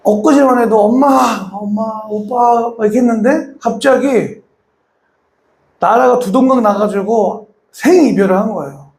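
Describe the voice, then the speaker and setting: High-voiced male pastor preaching. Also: normal speed, a little mellow, roomy sound, slight background noise. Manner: asks the congregation rhetorical questions, acts out quoted voices. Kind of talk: sermon.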